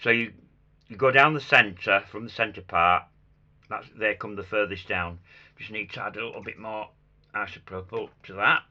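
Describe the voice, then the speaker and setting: A man with a croaky, hoarse voice giving a casual hands-on craft demonstration, muttering small asides to himself as he works. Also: fairly low pitch, moderate pace, sharp tone, lo-fi sound. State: hoarse after a chest infection. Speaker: craft tutor demonstrating sugar flowers.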